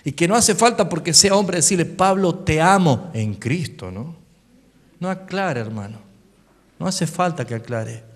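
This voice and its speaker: A man with an Argentine Spanish accent preaching a sermon as pastor, swinging between quiet asides and loud calls for the congregation to repeat after him. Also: on the high side, slightly rough. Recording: long hall reverb.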